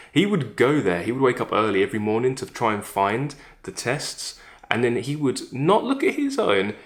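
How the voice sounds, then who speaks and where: A man from Essex with a softened Essex English accent, chatting casually and opinionatedly in a blunt, sweary manner. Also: mid-range voice. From Essex, England. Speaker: vlogger, former Oxford student.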